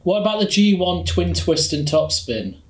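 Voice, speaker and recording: A man's voice: sits high, big pitch swings, normal speed. A man co-hosting a podcast, bantering casually with friends in a jokey, self-deprecating, rambling way. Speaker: podcast co-host. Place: picnic table with friends. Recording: echoey, reverberant room.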